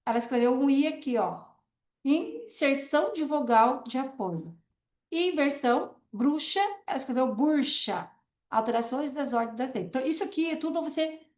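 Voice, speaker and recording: High-voiced woman teacher, roomy sound. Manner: explanatory, checks in with tags like tá and né. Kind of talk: online class lecture.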